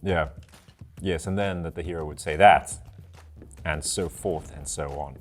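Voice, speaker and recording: A man's voice: rumbling low, measured pace. A South African man acting as game master, recapping the last session in a loose, chatty way full of ums and uhs.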